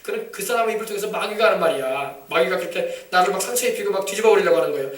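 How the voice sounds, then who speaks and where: A man preaching a sermon, emphatic and shouting commands at demons, often asking the congregation for replies. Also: sits high, lively intonation, racing. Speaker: pastor. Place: church sanctuary. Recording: echoey church, mic from a distance.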